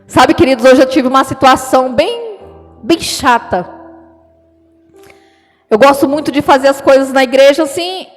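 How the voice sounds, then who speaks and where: A woman pastor preaching a sermon in church, often calling her listeners "dear ones". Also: high voice. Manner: addresses congregation as "queridos". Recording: long hall reverb with music.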